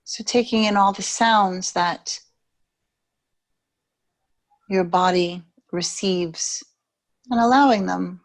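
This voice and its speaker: A female yoga teacher gently guides a yoga nidra meditation at an easy pace, with lengthy pauses between phrases. Her voice falls in the mid-range, and the recording quality is low.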